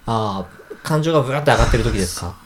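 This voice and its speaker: A man's voice: medium pitch, animated, quick pace, noisy background. Polite, attentive man co-hosting a podcast. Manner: polite, attentive, short listener replies. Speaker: podcast co-host asking questions. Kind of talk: casual podcast chat.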